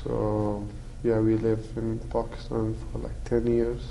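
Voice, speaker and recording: Man, from Afghanistan, young adult, halting speech, flat delivery. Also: lowish voice, vocal fry, slight background noise, poor audio. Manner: halting, searching for words. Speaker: guest. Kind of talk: panel discussion answers.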